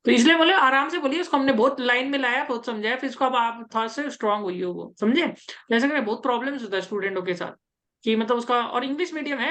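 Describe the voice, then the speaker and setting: Woman interview coach, fairly high voice, chatty and repetitive. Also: fairly bright tone. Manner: chatty, repetitive reassurance, mixes English terms into speech. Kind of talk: casual coaching talk.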